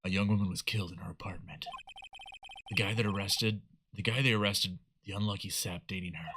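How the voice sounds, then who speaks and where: A man voicing a nervous young male rookie lawyer, reading narration in a low, hushed, quick way. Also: fairly even intonation, background noise, lightly acted.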